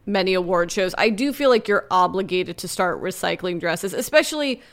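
A woman's voice: fairly low pitch, animated, moderate pace. A woman co-hosting a casual pop culture podcast, chatty and joking, laughing often. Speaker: podcast co-host. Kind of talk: casual chat.

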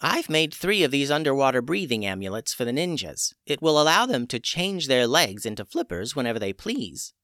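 A man voicing an old female witch healer who is brisk and matter-of-fact. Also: mid-range voice, sing-song, bright, forceful tone, no echo, studio quality, voice pushed up.

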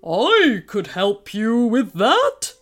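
Lady doing a big friendly dragon, teasing and loud, slow and swoopy, bit of music under it. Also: on the high side, huge pitch swings, heavily acted.

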